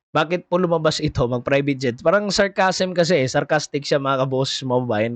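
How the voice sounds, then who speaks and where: A man giving casual political commentary, halting and full of fillers, often repeating his greeting to viewers. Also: on the high side, no echo.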